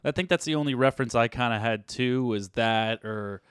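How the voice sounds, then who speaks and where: A man's voice: mid-range voice, normal speed, fairly bright tone, clean tone, no echo, studio quality. A man co-hosting a casual podcast, rambling and often restarting his sentences. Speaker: podcast co-host. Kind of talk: casual chat.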